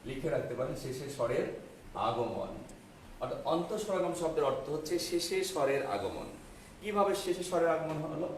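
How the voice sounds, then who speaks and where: A middle-aged man teaching an online grammar class, patient and repetitive, often checking that his students have understood. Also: fairly high pitch. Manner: patient, repeats points slowly, asks students if they understood. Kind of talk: online exam-prep grammar lesson. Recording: echoey far-off mic with faint noise.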